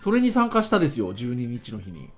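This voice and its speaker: A man's voice: medium pitch, wildly swooping pitch, a little fast, soft background music. A man in his early fifties co-hosting a podcast chat in very formal, ultra-polite Japanese. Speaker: podcast co-host.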